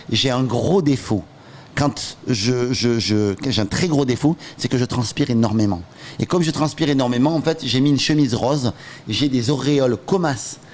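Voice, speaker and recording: A man's voice: medium pitch, a little mellow. A man telling a story in a loose, casual way, acting out both sides of old phone calls, with lots of fillers and restarts. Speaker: entrepreneur and trainer telling his school story.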